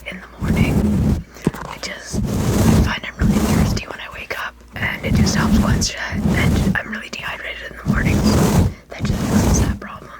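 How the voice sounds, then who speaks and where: A person whispering quickly in an informal ASMR ramble close to the microphone, often repeating and rephrasing phrases. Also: poor audio. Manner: fast, unvoiced whispering. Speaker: video creator and host.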